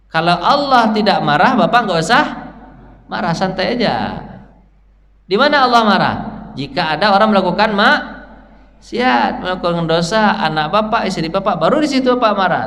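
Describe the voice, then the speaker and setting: A man with an Indonesian accent giving a casual mosque sermon, lively and joking, often quizzing his listeners. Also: sits high, a little hiss or hum. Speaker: ustadz giving a dawn mosque study talk. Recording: reverberant mosque hall, faint ambience.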